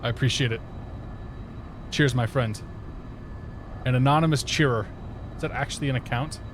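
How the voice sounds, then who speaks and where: Through livestream headset audio with a noisy background, a man flies a flight simulator and chats casually, greeting viewers by name. He has a medium pitch and speaks at a moderate pace.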